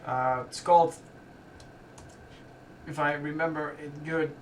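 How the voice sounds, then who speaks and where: A man hosting a live stream from a music studio, explaining his production steps casually as he works and often pausing to restart his sentences. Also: fairly high pitch, fairly even intonation, a little hiss or hum. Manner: thinks aloud while working, halting with restarts. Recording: roomy studio sound from a distance.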